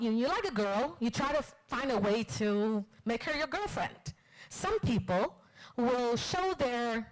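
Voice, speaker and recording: High-pitched woman lecturing a class, super animated, keeps quizzing the audience. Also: low-quality recording. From Vietnam. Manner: lively, chatty, asks the room questions. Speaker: marketing instructor.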